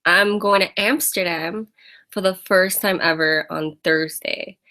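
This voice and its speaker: This American woman's voice is fairly low and sharp, with a steady tone and a slightly slow delivery. She's chatting and laughing through a casual live-stream fitness Q&A, calling out viewers by name.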